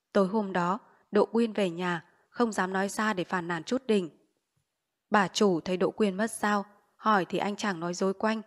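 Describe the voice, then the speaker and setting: A woman narrating a novel aloud at a brisk, even pace. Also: mid-range voice. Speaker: audiobook narrator.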